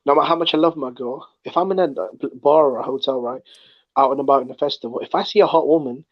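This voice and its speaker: A man's voice: mid-range voice, fast talker. A man chatting casually in a group, agreeable and slightly hesitant, using slang. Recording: dull lo-fi audio.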